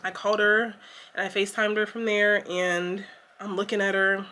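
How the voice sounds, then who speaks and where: Bright-voiced woman telling a story. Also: mid-range voice, flat delivery, moderate pace, a little hiss or hum. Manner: chatty, emotional retelling with many fillers. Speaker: vlogger. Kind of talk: casual story time to camera.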